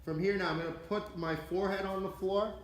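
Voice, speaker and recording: A man leading an exercise class, giving careful, unhurried step-by-step instructions as he demonstrates. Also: sits high, steady tone. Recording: echoey room.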